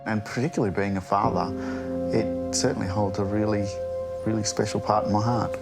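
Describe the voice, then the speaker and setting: A man gives a reflective documentary interview in a fairly low voice. He speaks earnestly in measured phrases, with prominent music behind. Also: fairly even intonation, vocal fry.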